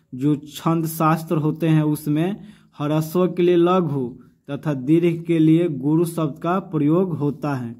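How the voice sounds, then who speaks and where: A man's voice: a little high, dark tone. A man teaching a casual class, who keeps asking his students questions and repeating points. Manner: addresses students affectionately, repeats and asks questions.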